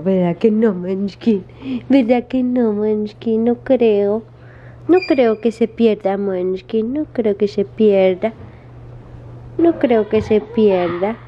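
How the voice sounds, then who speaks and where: A young woman talking casually in a home vlog, chatty and animated, cooing at her pets. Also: mid-range voice, roomy sound, muffled recording, slight background noise. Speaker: family vlogger.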